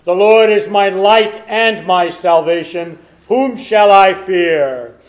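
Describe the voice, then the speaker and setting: Officiant, male, higher voice, slow and measured liturgical delivery; cathedral echo throughout. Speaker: officiant leading a church service. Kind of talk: spoken and chanted liturgical prayer. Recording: echoey church hall with loud organ.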